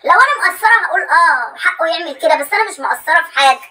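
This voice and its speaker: A woman's voice: extremely high pitch, animated, very fast, sharp tone, low-quality recording. A young woman with an Egyptian accent, complaining emphatically and repeating herself in a comic sketch. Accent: Egyptian Arabic. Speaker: comedy sketch creator. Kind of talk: comedic monologue with phone calls.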